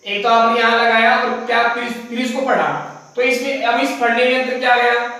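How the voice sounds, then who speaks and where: A man's voice: very high-pitched, little pitch movement, fairly quick, bright, forceful tone. A man teaching a basic grammar lesson, explaining step by step and often asking and answering his own questions. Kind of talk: classroom lecture. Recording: echoey room, voice from far off.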